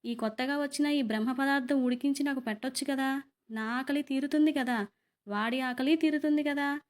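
Eerie, hungry old village crone for an audio horror story, high-pitched and wheedling, as a woman storyteller puts her on. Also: normal speed, lightly acted. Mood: menacing.

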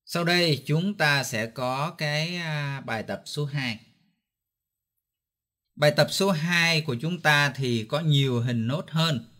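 A man's voice: a little high, slow pace, sharp tone. A man from Vietnam teaching a guitar lesson step by step, patiently counting beats and calling out note names. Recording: guitar playing in the background.

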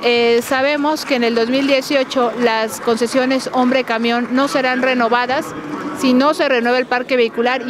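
Earnest woman legislator amid chamber chatter. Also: fairly high pitch. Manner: earnest, explanatory, with frequent restarts. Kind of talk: press interview. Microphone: handheld reporter mic and phones held close. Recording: crowd chatter behind. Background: crowd chatter in the chamber.

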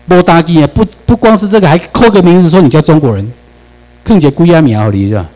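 A man's voice: a little high, animated, fast, dark tone, poor audio. A man lecturing a class in Taiwanese-accented Mandarin, firing rhetorical questions at the room and slipping English words into his speech.

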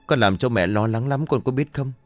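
A man's voice: mid-range voice, brisk, dry recording, soft background music, pitched above the performer's own voice, natural voice. A man voicing a grieving, frightened old village mother who speaks in trembling, wailing pleas, raised above his own voice.

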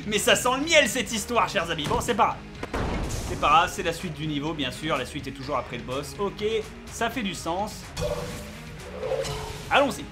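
A man giving live gameplay commentary as a let's play host, excitable, yelping and swearing at the action, with game music behind him. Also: sits high.

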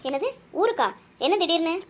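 A woman's voice: high voice, steady tone, quick pace, fairly bright tone. A woman voicing a curious young girl who stammers and coaxes her mother in a cartoon. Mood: chiding. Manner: hesitant, stammering when caught.

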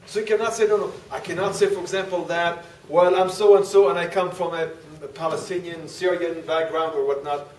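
In a classroom lined with display boards, a forties-aged man lectures conversationally, on his feet, gesturing and laughing easily. He speaks fairly high and fairly quickly with few pauses, fairly even intonation and a slightly mellow tone, captured by a far camera in an echoey room.

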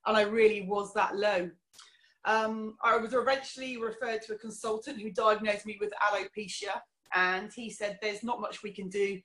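A woman's voice: mid-range voice, steady tone, normal speed, a bit bright. A middle-aged woman from England, candidly telling her life story as an interview guest, with many fillers. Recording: roomy echo.

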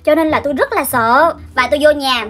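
A young woman, telling a story to her viewers in a lively way and laughing often. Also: high voice, fairly quick, soft background music. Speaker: vlogger.

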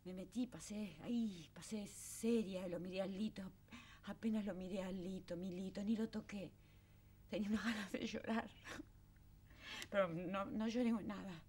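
A woman's voice: mid-range voice, fairly even intonation, normal speed, a little mellow, slight background noise, natural voice. An actress playing a fiery working-class mother, a former factory girl, speaking with a Rioplatense accent and often near tears. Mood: wistful. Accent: Rioplatense Spanish. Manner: emotional, exclaiming, voice breaking into tears. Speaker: actress in TV drama. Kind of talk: 1970s TV drama acting.

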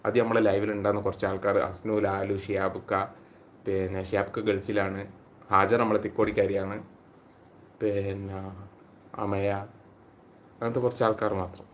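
A man's voice: on the low side, little pitch movement, moderate pace, long pauses, a little hiss or hum. A man, hosting a casual live stream on his phone and chatting with viewers by name. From Kerala, India. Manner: chatty, greets viewers by name and reads their comments aloud.

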